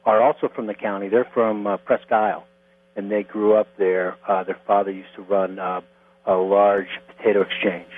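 A man's voice: lowish voice, level tone, dry recording. Middle-aged man on a tinny phone line. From Connecticut. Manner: unhurried, plain-spoken, explains step by step. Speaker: guest, distiller. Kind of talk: phone interview.

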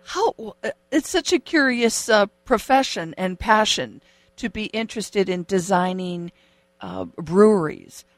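A curious interviewer leads the talk, asking follow-up questions. The voice sits at a middle pitch and sounds close and dry, with no room around it. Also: expressive, unhurried, no echo. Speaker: radio interviewer.

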